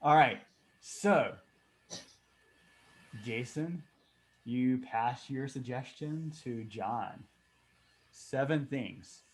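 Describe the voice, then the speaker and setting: A man's voice: mid-range voice, very slow, pauses often. A man facilitating an online workshop over a video call, talking casually with many fillers and restarts.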